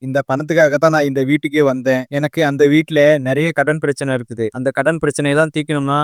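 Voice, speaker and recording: A man's voice: a little high, fairly even intonation, fast talker, no echo, clean studio sound, natural voice. A man voicing a scheming middle-aged mother in a TV serial, evasive and defiant. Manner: evasive, pleading, then defiant.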